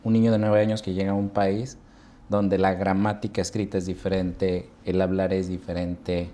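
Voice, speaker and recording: A man's voice: low-pitched, little pitch movement, moderate pace, mellow, a little hiss or hum. A man hosting an interview, asking long, explanatory questions. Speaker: interview host. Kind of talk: conversational interview.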